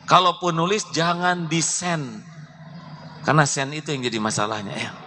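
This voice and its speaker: A man's voice: on the high side, steady tone, normal speed, bright, forceful tone. Male preacher, playful, quizzes the crowd, faint background noise. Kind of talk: sermon to a live audience.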